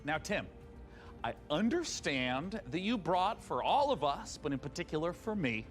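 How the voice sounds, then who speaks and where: Male showcase host, theatrical and tongue-in-cheek; highish, very lively delivery. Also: normal speed, soft background music. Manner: theatrical, playfully self-mocking. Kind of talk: scripted show hosting.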